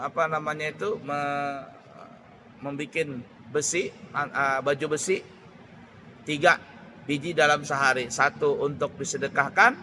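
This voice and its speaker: A man giving a religious lecture at an Islamic boarding school, unhurried and searching for words, often restarting. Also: a little high, bright, forceful tone, slight background noise. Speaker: preacher.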